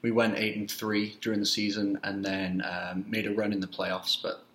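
A young man from Wales answers interview questions in a low, monotone voice, stopping often on fillers. His voice comes through a laptop webcam in a small room and carries a noticeable room echo. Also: slight background noise. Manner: halting, many fillers, measured. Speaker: youth soccer coach, guest. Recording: roomy webcam audio.

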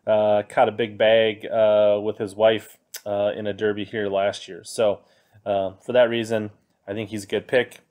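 Talking over a screen recording with a webcam inset from an indoor room, this thirtysomething fantasy fishing podcaster walks through his picks conversationally, full of fillers, reading off web pages. His voice is fairly low, flat, unhurried, and a little mellow.

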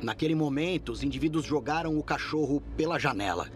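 A man with a Brazilian accent voicing an earnest sheriff's deputy in his thirties, in measured documentary interview narration. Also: fairly high pitch, animated, over music, close to an everyday voice. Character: earnest male sheriff's deputy recounting a rescue.

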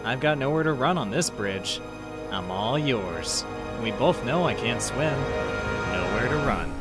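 A man's voice: mid-range voice, animated, measured pace, over loud music, lightly acted. Man playing smug, swooping cartoon raccoon thief Sly Cooper. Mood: playful, cocky.

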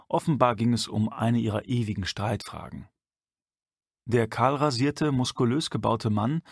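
A man reading a dark science-fiction audiobook aloud in a measured way. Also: mid-range voice, creaky, slightly rough, no room sound, clean studio sound. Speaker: audiobook narrator. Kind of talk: scripted narration.

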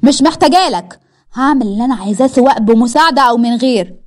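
A woman's voice: fairly high pitch, racing, darkish tone, lightly acted. A woman with an Egyptian accent voicing a scheming, jealous young woman who talks sharply and dismissively. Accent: Egyptian Arabic.

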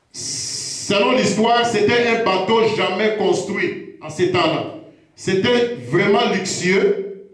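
A man preaching a teaching sermon, slow and repetitive, pausing to check himself as he goes. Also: sits high, a bit bright. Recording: very echoey room.

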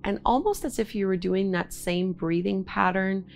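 A woman in her thirties teaching yin yoga in a soothing, gentle, instructive way. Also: medium pitch, normal speed, vocal fry, soft background music. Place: indoor home studio room, seated and lying on a mat.

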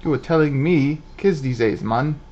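A man's voice: on the high side, moderate pace, a little mellow, dull audio, a little hiss or hum, lightly acted. A man voicing a chirpy, cheeky little male fairy sidekick from a game, in slangy banter. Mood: chatty.

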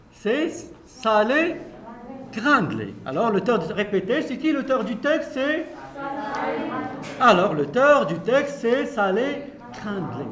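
A man's voice: extremely high pitch, fairly bright tone. A male primary school teacher reading a story and leading a comprehension lesson with his pupils in the classroom. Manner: slow, repetitive, addresses pupils directly.

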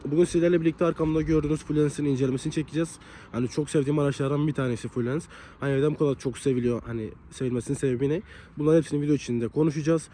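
Fast-talking slightly hoarse young man. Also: fairly high pitch, steady tone, warm tone, a little hiss or hum. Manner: chatty, leans on the filler "hani". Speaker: car reviewer. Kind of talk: casual car review walkthrough. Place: outdoors beside a car in cold weather.

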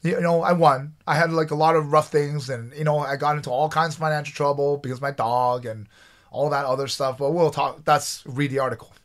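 A man in his forties from Taiwan, telling his own stories as a guest in a casual interview, animated and quoting himself. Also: a little high, brisk. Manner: animated, restarts often, quotes himself. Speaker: guest, former fighter.

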